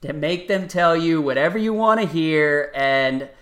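A man's voice: a little high, unhurried, a bit bright. A young man co-hosting a sports podcast, telling stories in a casual, self-deprecating way and laughing often. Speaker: podcast co-host.

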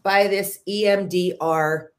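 A woman's voice: medium pitch, fairly even intonation, takes it slowly. A woman hosting a casual conversational interview in a chatty, self-deprecating way. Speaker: show host.

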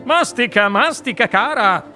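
A pompous father bursting with pride, as a reader puts him on, urging his daughter on in a lively voice. Bright tone, faint music behind the audiobook reading. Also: mid-range voice, a little slow, voice pushed up. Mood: proud. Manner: puffed-up, encouraging. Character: proud, pompous middle-aged father.

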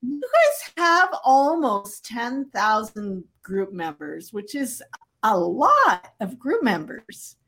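A woman raised in Canada hosting a casual live-stream interview, chatty and quick to laugh. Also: fairly high pitch, huge pitch swings, a bit bright. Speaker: podcast host.

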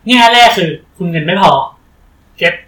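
A man co-hosting a podcast in casual chat, chatty and quick to laugh. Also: high voice, sharp tone, far from the mic. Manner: chatty, laughs often, reads details aloud. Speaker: podcast co-host. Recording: roomy, from off-mic, faint ambience.

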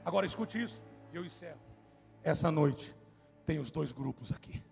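A man's voice: a little high, expressive, normal speed, vocal fry, a little mellow, faint music behind. A male preacher giving a fervent sermon at a church service and calling out to the congregation.

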